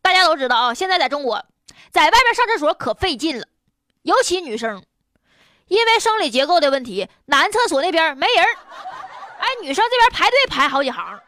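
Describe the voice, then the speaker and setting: High, animated Northeastern Mandarin woman host. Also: fairly quick, no room sound, clean studio sound. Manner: blunt, colloquial, opinionated delivery. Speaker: host of a news commentary show. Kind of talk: humorous, colloquial news commentary.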